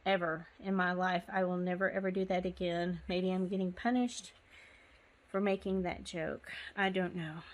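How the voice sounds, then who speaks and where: A woman giving a casual step-by-step knitting tutorial, chatty and apologetic, with frequent ums. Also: medium pitch. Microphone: phone.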